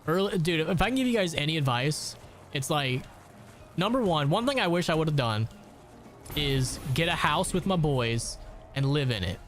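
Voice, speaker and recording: A man's voice: fairly high pitch, lively intonation, moderate pace, fairly bright tone, soft background music. Rambling, foul-mouthed man streaming. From Ohio. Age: late 20s. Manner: rambling, profane storytelling. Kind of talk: casual chat while gaming.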